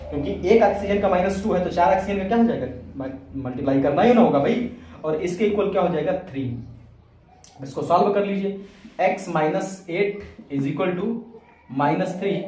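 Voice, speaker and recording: Echoey male chemistry teacher, high voice. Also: a little mellow, slight background noise. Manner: explains step by step, asks and answers his own questions, calls students beta. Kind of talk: classroom lecture at a board. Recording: very echoey room, mic far off.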